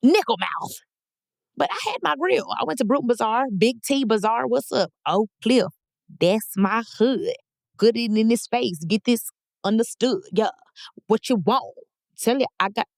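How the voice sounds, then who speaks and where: A woman's voice: mid-range voice, no room sound, studio quality. A woman, hosting her podcast in a playful, hyped, slangy solo chat. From Dallas, Texas. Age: 30s. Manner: playful, hyped self-promotion with slangy asides. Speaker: podcast host.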